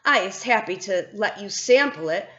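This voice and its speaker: A woman's voice: medium pitch, lively intonation, moderate pace, sharp tone. A woman reading aloud and voicing a kind, nervous male giant who talks with jumbled grammar and earnest pleading. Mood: coaxing. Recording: roomy, dull lo-fi sound.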